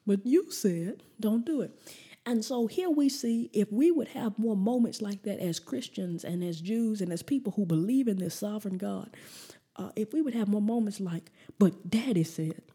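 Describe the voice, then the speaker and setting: A woman's voice: medium pitch, normal speed, mellow, breathy edge. A woman preacher giving a conversational, emphatic sermon, often repeating herself.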